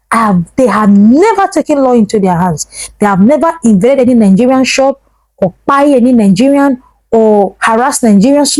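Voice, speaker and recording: A woman's voice: on the high side, a little mellow, dry recording, poor audio. Emphatic Ghanaian woman vlogger. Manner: emphatic, repeats phrases for stress. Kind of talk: opinion commentary.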